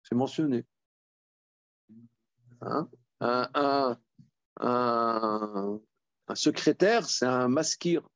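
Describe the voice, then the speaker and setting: A man, a rabbi, teaching a Torah study class. He reads verses aloud, then explains them in a halting way with many repeated words. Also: mid-range voice, clear, resonant tone, no room sound, muffled recording. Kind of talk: Talmud study lesson.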